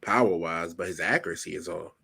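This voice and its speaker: A man in a relaxed sports discussion, walking through a game in a measured, listing way. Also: low voice, gravelly, husky. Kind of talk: casual sports talk.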